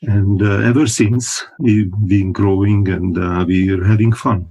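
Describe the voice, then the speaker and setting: A man in his sixties, from Hungary and speaking, answering interview questions in a calm, thoughtful way with pauses and the odd chuckle. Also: lowish voice, poor audio. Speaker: guest, company founder. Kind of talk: casual interview talk.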